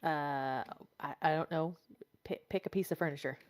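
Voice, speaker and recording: Lowish-voiced woman, playful streamer banter. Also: normal speed. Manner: playful, teasing. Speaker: livestream gamer. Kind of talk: casual gaming chat.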